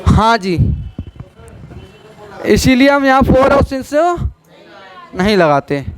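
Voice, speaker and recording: A male teacher giving a classroom grammar lesson, asking his students questions and saying example sentences slowly. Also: very high-pitched, sing-song.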